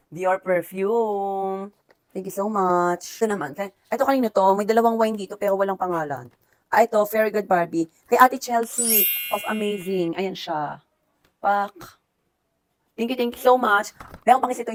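A middle-aged woman from the Philippines chatting casually as she opens birthday gifts, gushing and slipping English phrases into her talk. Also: medium pitch. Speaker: vlogger opening birthday gifts. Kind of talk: casual unboxing vlog.

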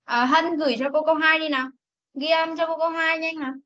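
A woman teaching an English class over a video call, reading sentences slowly for students to repeat and correcting them firmly. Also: high-pitched, fairly even intonation, fairly bright tone. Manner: reads English slowly for repetition, scolds firmly. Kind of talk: online class instruction. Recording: dull lo-fi meeting recording.

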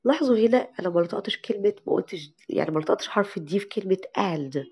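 A young woman with an Egyptian Arabic accent teaching an English lesson to parents, stretching out English words slowly to show how they are said. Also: medium pitch, expressive, warm tone, husky. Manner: slow, drawn-out model pronunciation of English words.

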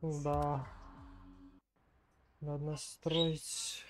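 A man's voice: a little high, completely flat delivery, very slow, background noise. A young man doing casual gameplay commentary, muttering short reactions to himself as he streams. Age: young adult. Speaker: game streamer. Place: indoors at a gaming desk, game music behind.

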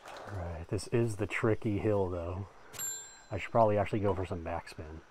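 A man's voice: sits low, moderate pace, darkish tone, poor audio. A man giving casual commentary as he plays a golf game, thinking aloud about wind and shots. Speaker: gaming video host.

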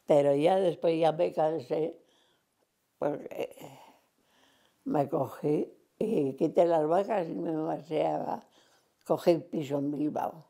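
Very old, gravelly woman. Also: deep voice, takes it slowly, pauses often, mellow. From Cantabria, Spain. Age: 100s. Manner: rambling reminiscing, acts out remembered dialogue. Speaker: interviewee. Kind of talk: oral history storytelling.

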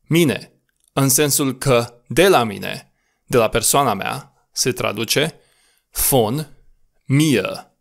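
A man teaching a recorded language lesson, patiently spelling out words and repeating them slowly. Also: mid-range voice, animated, gravelly.

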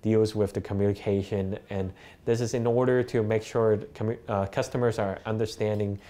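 Interviewed for a documentary inside a bakery kitchen, this young man from Hong Kong speaks Cantonese as his first language. His voice is fairly low, steady and dark, a bit quick, and he pauses to think, filling gaps often as the bakery worker and student he is.

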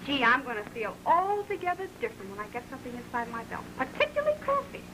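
In a noisy old film soundtrack from an early talkie, an actress plays a playful, slangy young working-class American woman. Her high voice swings wildly in pitch, and she chats at a quick pace.

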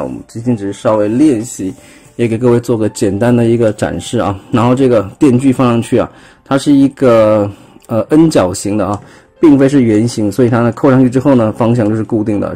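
A toy reviewer with a Taiwanese Mandarin accent gives a casual hands-on demonstration of a toy's transformation, recorded on a phone at an indoor table. He explains each step and points out parts along the way, using many fillers. His voice is mid-range and mellow.

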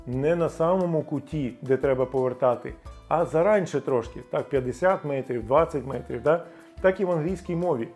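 A middle-aged Ukrainian-speaking man teaching English pronunciation, slowly modelling English words with emphatic stress. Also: medium pitch, a little mellow. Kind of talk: explanatory video lesson.

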